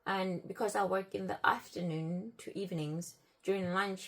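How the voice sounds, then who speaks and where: A woman's voice: on the low side, gravelly, slightly rough. A woman telling a personal story in a casual, chatty way, often replaying conversations with "I'm like" and "he's like.". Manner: repeats and restarts phrases as she talks.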